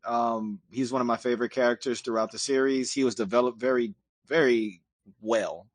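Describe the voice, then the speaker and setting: A man co-hosting a podcast at a mid pitch, talking earnestly and steadily. He fills pauses with ums, recorded close and dry. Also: steady tone, dry recording. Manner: earnest, measured, with filler ums. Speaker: podcast co-host. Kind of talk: casual panel chat.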